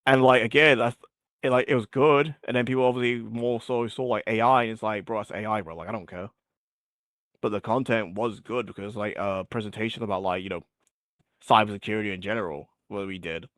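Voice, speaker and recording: Man, interview guest, casual rambling chat, lowish voice, dry recording. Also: steady tone, fairly quick, a bit bright, dry recording. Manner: rambling, heavy use of filler words. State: losing his voice.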